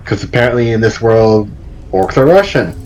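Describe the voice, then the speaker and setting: A man's voice: lowish voice, lively intonation, moderate pace, crowd noise, low-quality recording. Dry-humored man player. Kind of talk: casual chat during a live tabletop game.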